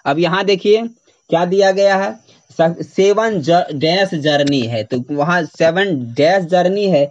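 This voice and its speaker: A man's voice: sits high, takes it slowly, muffled recording. A man teaching English grammar in a lecture, explaining step by step, repeating points and spelling words out letter by letter. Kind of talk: lecture to students.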